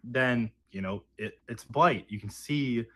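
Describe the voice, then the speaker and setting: Male explainer, medium pitch, informal and didactic, talking directly to the listener. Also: slow pace, fairly bright tone. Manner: didactic, conversational. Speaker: video speaker explaining religious belief.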